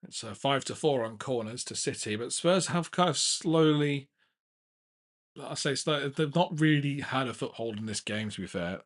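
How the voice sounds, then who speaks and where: A young man hosting a live football watchalong, giving casual play-by-play with frequent restarts and getting excited at big chances. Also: mid-range voice, moderate pace. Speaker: watchalong host.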